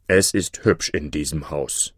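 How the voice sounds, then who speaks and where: A man voicing a strong, blunt blacksmith in a fairy tale, in a gruff, steady tone. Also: a bass voice, unhurried, no echo, clean studio sound, pitched below the performer's own voice, heavily acted.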